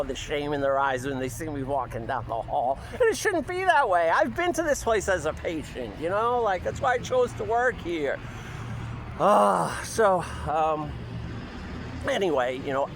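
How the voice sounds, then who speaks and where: Man, hospital night-shift worker, telling a rambling story, lively pitch, chuckles throughout, faint noise behind. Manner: rambling, laughs often, many fillers. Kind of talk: casual storytelling vlog. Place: outside on a work break.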